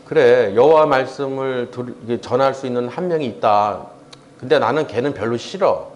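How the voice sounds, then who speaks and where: A man's voice: medium pitch, normal speed, darkish tone, pitched below the performer's own voice, lightly acted. A pastor acting out a petulant stubborn king. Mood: grumbling. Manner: pleading, insistent.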